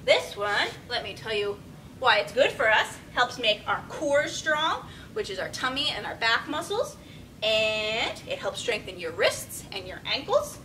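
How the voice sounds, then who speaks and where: A bright, fairly high-voiced young woman leads small children through yoga poses at a storytime, demonstrating as she gives simple, encouraging directions in a sing-song, measured way. A camera several metres away in a small indoor room with padded steps picks her up, with low rumbly noise in the background.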